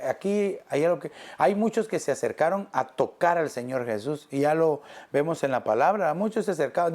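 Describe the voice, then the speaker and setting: A male pastor preaching a sermon in an earnest, pastoral way, stretching phrases out slowly and dropping soft and low. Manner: earnest, pastoral, addressing listeners as brother.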